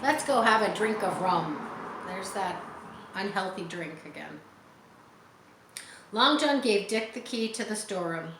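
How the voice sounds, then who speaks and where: A woman with a mid-range, slightly bright voice reads an adventure story for children expressively, adding simple explanatory asides. The room is echoey, with faint background noise.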